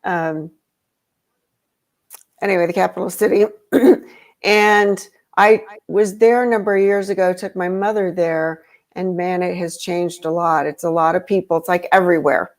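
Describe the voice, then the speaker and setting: A woman's voice: lowish voice, steady tone, moderate pace. A woman talking casually as a podcast guest, rambling with lots of fillers and restarts. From grew up in Europe. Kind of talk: casual conversation.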